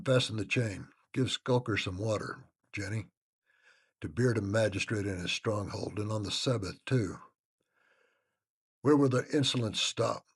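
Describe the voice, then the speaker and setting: A man's voice: lowish voice, husky. A man voicing a pompous, fussy old magistrate who speaks with indignation.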